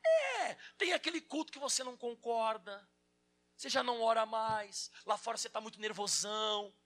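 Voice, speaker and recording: A man preaching a lively sermon, acting out quotes and telling stories to the congregation. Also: very high-pitched, moderate pace. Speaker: pastor.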